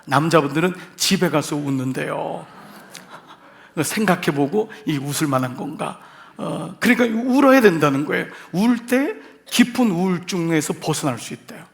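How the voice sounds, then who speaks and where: A man's voice: a little high, animated, moderate pace, vocal fry. A male senior pastor preaching an Easter sermon in a church, talking to the congregation in a conversational way with humor and rhetorical questions. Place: church sanctuary.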